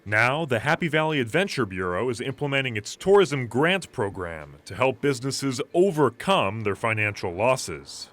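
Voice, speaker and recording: A man's voice: mid-range voice, sing-song, moderate pace, hardly any pauses, fairly bright tone. A man delivering scripted broadcast news as an anchor and field reporter.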